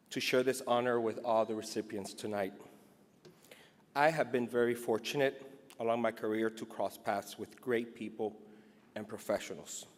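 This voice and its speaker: Emotional middle-aged man speaking in a reverberant hall. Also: lowish voice. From Cuba. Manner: emotional, earnest. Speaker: award recipient. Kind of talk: acceptance speech, partly read from notes. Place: large indoor hall at an awards event. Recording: echoey hall with long reverb.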